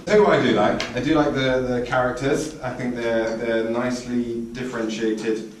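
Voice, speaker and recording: A man's voice: medium pitch, steady tone, normal speed. A man in casual, joking review chat among friends, meandering through his thoughts. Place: indoor room with other players. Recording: echoey room, distant mic, faint noise.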